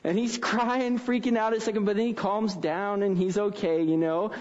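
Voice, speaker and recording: A man's voice: high voice, steady tone, normal speed, darkish tone, muffled recording. A man preaching a conversational sermon, mixing stories into the teaching and often adding "right?" to check in. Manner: casual, frequent tag questions. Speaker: pastor.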